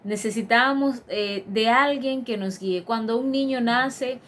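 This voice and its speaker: Woman preacher, devotional sermon, earnest and emphatic, fairly high voice, faint background hiss. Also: unhurried, fairly bright tone. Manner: earnest, emphatic, with many fillers and restarts.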